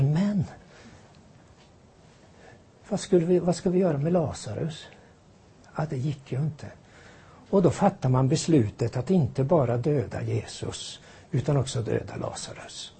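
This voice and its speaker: Older male preacher, husky mellow voice, animated rhetorical delivery. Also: a little high. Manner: animated, rhetorical questions, folksy asides. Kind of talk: sermon.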